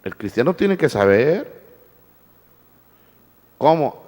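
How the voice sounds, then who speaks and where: A man's voice: fairly high pitch, big pitch swings, slow, a little mellow, long reverb tail. A male pastor preaching a sermon, firing rhetorical questions at the congregation and repeating his words. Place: church.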